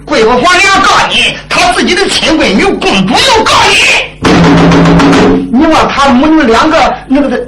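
A man voicing a shrewd, jovial old duke who scolds a prince in a drum-ballad story, teasing him with laughs and shouts. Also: very high voice, big pitch swings, moderate pace, over loud music. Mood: scolding. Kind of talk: drum-ballad storytelling with spoken role-play. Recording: roomy, loud instrumental accompaniment.

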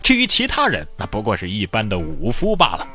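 A man's voice: on the low side, wildly swooping pitch, fairly quick, bright, forceful tone, voice pushed down, full character voice. A man voicing a poor but ambitious young man who talks boastful yet polite. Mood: confident.

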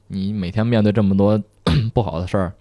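A young man, a guest on a podcast, telling his own stories in a soft, relaxed way with many small restarts. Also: fairly low pitch, a little fast, no room sound. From China. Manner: soft-spoken, relaxed storytelling with frequent restarts. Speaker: guest, police officer. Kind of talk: casual podcast chat.

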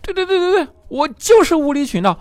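A man voicing a dramatic, unreasonable young girlfriend in a shrill, whining falsetto. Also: sing-song, quick pace, a little mellow, no echo. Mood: whining outburst.

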